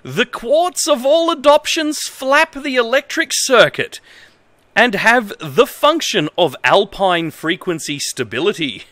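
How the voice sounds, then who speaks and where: In a casual livestream from an indoor desk, an Australian man in his thirties reads aloud haltingly and comically, amused and emphatic. His voice is very high, slow, and a bit bright, with big pitch swings and no room sound.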